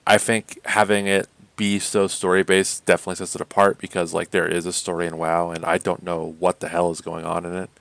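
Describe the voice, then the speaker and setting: A man co-hosting a podcast, chatting casually about games in a rambling way, full of fillers and quick laughs. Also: low voice, gravelly, a bit bright, dry recording. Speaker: podcast co-host. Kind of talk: casual gaming chat.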